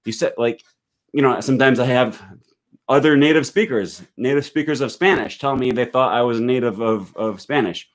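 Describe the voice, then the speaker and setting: This American host of a language-learning live stream speaks at a moderate pace in a mid-range voice. As he reads comments from viewers, he thinks aloud with lots of fillers and false starts.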